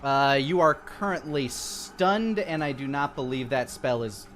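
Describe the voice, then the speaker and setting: Bright-voiced man running a tabletop game. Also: mid-range voice, a little slow, faint music behind. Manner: descriptive narration with frequent fillers and restarts. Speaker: dungeon master. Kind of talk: narrating a live-streamed tabletop game.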